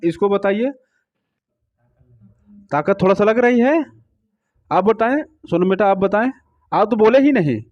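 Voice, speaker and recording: Guy teaching music, higher voice, keeps asking the class stuff, kinda dull lo-fi sound. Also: lively intonation, unhurried, long pauses. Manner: patient, repetitive, asks students questions. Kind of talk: music lesson explaining swaras to students.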